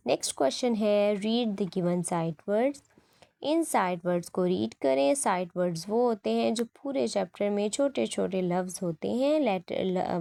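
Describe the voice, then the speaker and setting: A woman teacher with a Pakistani accent explains an English textbook exercise, reading the instructions slowly and spelling words letter by letter. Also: mid-range voice, gravelly, dark tone, no echo. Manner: reads English instructions slowly, then explains in Urdu-Hindi.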